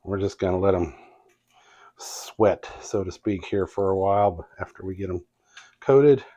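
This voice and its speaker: A man's voice: sits low, measured pace, mellow. A man with a Midwestern accent casually showing how he cooks in his home kitchen, talking in a folksy, hesitant way with lots of fillers. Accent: Midwestern American. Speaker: cooking channel host. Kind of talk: casual cooking demonstration.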